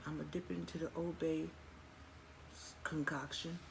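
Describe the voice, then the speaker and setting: A woman with a low-pitched, level voice at normal speed does a mukbang, eating on camera and chatting folksily to viewers between bites. She calls them "y'all" and lets out appreciative mmm sounds, with clearly noisy background behind her.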